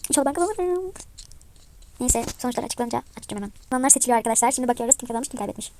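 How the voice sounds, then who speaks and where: High-voiced young woman gaming vlogger. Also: very fast, a little hiss or hum. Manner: chatty, excitable, often mutters quietly. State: slightly sick voice. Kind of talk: casual gameplay commentary.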